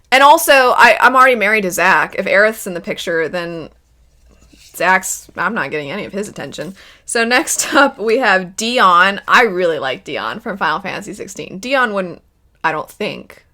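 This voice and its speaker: A woman with a mid-range voice and sharp tone hosts a casual video chat, playing a pick-one game about video game characters. She thinks aloud in a wavering, self-deprecating way.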